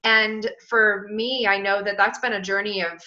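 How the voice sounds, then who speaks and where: Thirties woman, healing practitioner, reflective and bright-toned, dull lo-fi recording. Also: medium pitch, fairly even intonation, moderate pace. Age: 30s. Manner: reflective, searching for words. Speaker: business owner in a healing practice. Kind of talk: casual chat. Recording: dull lo-fi sound.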